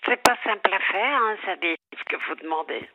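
A woman's voice: mid-range voice, normal speed. An older woman calling in to a radio show over the phone, rambling and repeating herself as she tells a family problem. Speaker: caller. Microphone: telephone. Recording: dull phone line.

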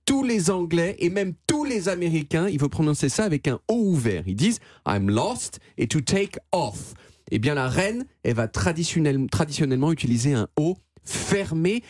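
A man's voice: fairly high pitch, darkish tone, no echo. A man presenting a playful, explanatory radio chronicle in a chatty manner, often restarting his words, speaking into a studio microphone. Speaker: radio columnist.

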